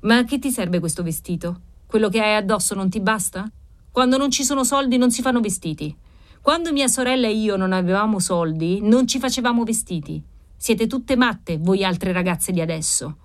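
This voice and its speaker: A hard-nosed older moneylender with a dry, scolding tone, put on by a woman reading a story aloud. Her voice sits at a plain middle pitch, and her words come out icy and ironic, with no softness in them. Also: moderate pace, close to an everyday voice.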